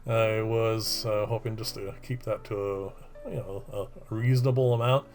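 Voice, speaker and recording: A middle-aged man presenting a casual woodworking voice-over in a monotone, droning, rambling and hesitant way. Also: lowish voice, unhurried, faint music behind. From Canada.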